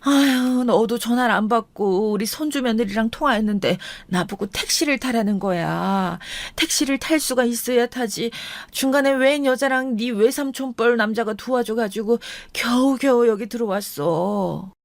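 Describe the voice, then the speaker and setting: Frail old grandmother, voiced by a woman, slow, plaintive, radio story. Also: on the high side, no echo, close to an everyday voice. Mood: weary. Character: elderly grandmother, frail and weary.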